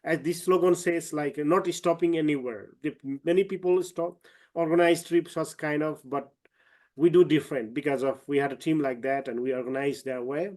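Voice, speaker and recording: A man from eastern Nepal, a trekking guide and company owner, speaks haltingly with many fillers and restarts over a video call. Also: a little high, fairly even intonation, darkish tone. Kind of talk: online webinar talk.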